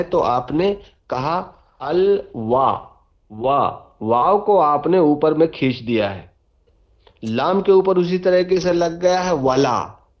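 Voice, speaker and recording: A man's voice: a little high, a little mellow. A man teaching Arabic grammar, patiently repeating examples and checking that students follow. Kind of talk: classroom explanation. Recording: dull lo-fi audio.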